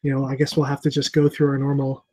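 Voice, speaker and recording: He speaks quickly in a medium-pitched, dark voice with a totally flat delivery. A thirtysomething comic shop owner, he's hosting an informal video call chat from home on an earphone mic, rambling a little and using many fillers and restarts.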